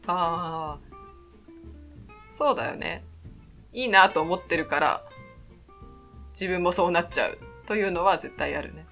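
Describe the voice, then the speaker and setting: A woman's voice: lowish voice, normal speed, pauses often, a bit bright, faint music behind. A woman from Sapporo chatting casually as a podcast co-host, attentive and agreeable in how she responds. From Sapporo, Japan. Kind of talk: casual chat.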